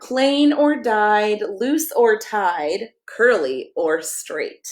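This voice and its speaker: This is a middle-aged American pastor at children's story time, giving a playful read-aloud and talking casually with the kids. Her medium-pitched voice is sing-song and extremely slow.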